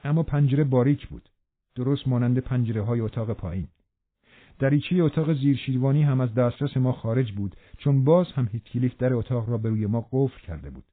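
A man reading a novel aloud as a narrator, in a steady, measured way. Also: medium pitch, no echo. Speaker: audiobook narrator. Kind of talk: scripted narration. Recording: narrow phone-like band.

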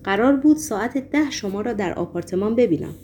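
A mysterious foreign gentleman, read by a woman, speaks in a calm, serious tone with a foreign accent. He is unfailingly polite but sly underneath, as if he knows more than he says. The sound is storybook narration. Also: on the high side, a little hiss or hum, lightly acted. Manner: calm, polite, quietly mocking.

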